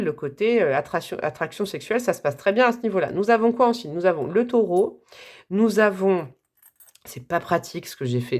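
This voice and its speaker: A woman giving a live tarot reading to her viewers, chatty and gentle, with frequent asides and little laughs. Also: lowish voice. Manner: softly calm, gentle delivery. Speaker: tarot reader.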